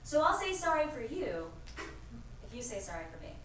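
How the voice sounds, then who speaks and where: A woman performing a live comic story, with a deadpan, confessional way of talking. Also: fairly high pitch, normal speed, a little hiss or hum. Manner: deadpan confessional, acts out dialogue. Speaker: stage storyteller. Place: performance stage. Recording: echoey room, far from mic.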